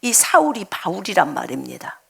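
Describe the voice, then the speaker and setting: A middle-aged woman missionary preaching a sermon, telling a personal testimony with emotional outbursts and hushed asides. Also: lowish voice, very animated, brisk, creaky, slightly rough. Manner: emotional storytelling, shifts between loud outbursts and hushed asides.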